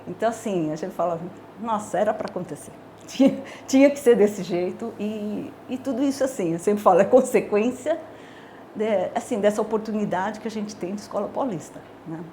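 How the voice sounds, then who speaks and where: Brazilian woman, 60s, professor; mellow mid-pitched voice, thoughtful and halting with fillers. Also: slight background noise. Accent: Brazilian Portuguese. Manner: reflective, hesitant, many filler words. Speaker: dermatology professor. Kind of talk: personal career testimony.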